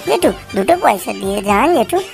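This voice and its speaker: A whiny, wheedling cartoon beggar man, voiced by a woman, begging in a high, gravelly sing-song. The words come fast and pitched up, with a rough fry at the edges. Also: expressive, faint music behind. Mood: pleading. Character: whiny male beggar voice from a speaker box. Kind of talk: comic cartoon voice acting.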